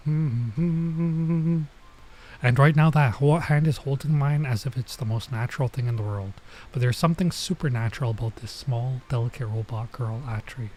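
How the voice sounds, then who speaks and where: A man streams a visual novel, reading it aloud with casual asides and pausing to comment on and translate Japanese phrases. His voice is mid-range and darkish at a moderate pace, though the audio quality is poor.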